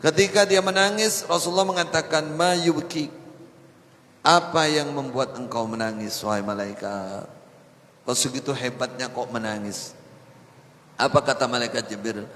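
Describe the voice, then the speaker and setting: A man's voice: medium pitch, normal speed, long pauses. Male preacher, storytelling sermon in a mosque, long hall reverb with faint noise behind. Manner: animated storytelling, quoting Arabic.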